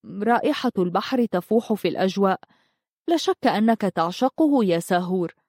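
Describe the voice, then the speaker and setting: A woman's voice: mid-range voice, animated, brisk, darkish tone, dry recording, studio quality. A woman voicing an easygoing young male warrior in a storybook, casual and direct.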